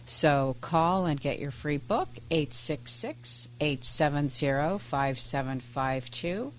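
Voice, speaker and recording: A woman co-hosting a radio show, upbeat, reading out phone numbers and web addresses slowly and clearly. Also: low voice, lively intonation, a little hiss or hum. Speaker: radio co-host. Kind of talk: radio program reads and chat. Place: radio studio.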